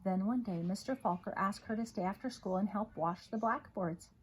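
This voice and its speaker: A woman with a husky voice reading a children's story aloud in an expressive, dramatic way. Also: medium pitch, moderate pace, rough recording. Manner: dramatic, with emphatic repetition and hushed moments. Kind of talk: expressive read-aloud narration.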